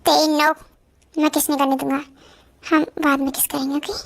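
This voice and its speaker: A woman voicing a devoted young husband who fears for his wife, in a fan-made audio drama. She speaks earnestly and dips her voice a little lower for him. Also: flat delivery, moderate pace, vocal fry. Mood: firm, loving.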